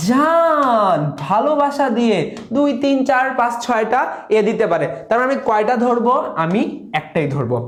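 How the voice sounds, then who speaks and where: A man's voice: very high voice, roomy sound. A man, tutoring for an admission exam, who keeps asking questions and answering them himself while repeating key words. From Bangladesh. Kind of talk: classroom lesson.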